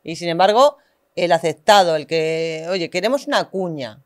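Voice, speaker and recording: A woman hosting a podcast interview, talking in a hesitant, searching way with many fillers, rising in pitch when she gets animated. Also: moderate pace. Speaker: podcast host.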